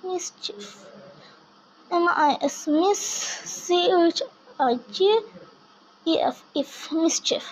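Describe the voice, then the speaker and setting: Woman w/ teaching english syllables, super high voice, spells stuff out one letter at a time. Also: very slow, a little mellow, slight background noise, rough recording. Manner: spells words out letter by letter, mixing Bengali and English. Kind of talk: home-made language lesson.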